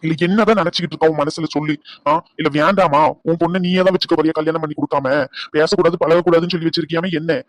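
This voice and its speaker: A man's voice: a little high, steady tone, racing, dry recording, close to an everyday voice. A man voicing an outspoken young nephew who scolds his aunt in a cartoon family drama. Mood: scolding. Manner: scolding, insistent.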